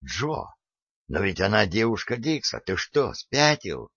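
A man voicing an excitable, nervous young gang member who whines and frets. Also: lowish voice, a little slow, slightly rough, no echo, highs cut off, heavily acted. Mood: agitated. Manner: jittery, whining.

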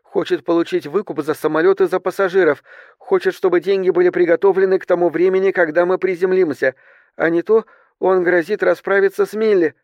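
A man voicing a young female flight attendant who reports in a hushed, tense way. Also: sits high, fairly even intonation, brisk, no echo, dull audio, voice pushed up, lightly acted.

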